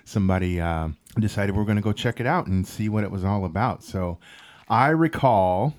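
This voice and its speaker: A man's voice: on the low side, normal speed, darkish tone. A man co-hosting a casual group podcast, telling a story in a rambling, chuckling way. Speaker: podcast co-host.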